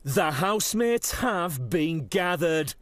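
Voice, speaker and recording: A man reading scripted reality show narration in a calm, measured way. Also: fairly high pitch.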